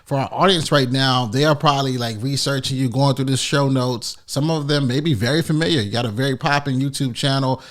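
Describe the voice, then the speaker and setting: A man's voice: mid-range voice, a little fast, few pauses. A man hosting a podcast, talking in a casual, hyped-up, encouraging way. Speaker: podcast host. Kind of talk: podcast interview.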